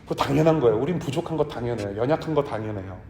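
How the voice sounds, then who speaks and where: A man preaching a sermon to his congregation in a church, talking in a conversational way and sometimes dropping to a hush. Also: medium pitch, lively intonation, rapid-fire, slight background noise. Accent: Korean with English words mixed in. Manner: conversational preaching, drops to a hush for tender lines. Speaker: pastor. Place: church sanctuary. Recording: echoey church hall.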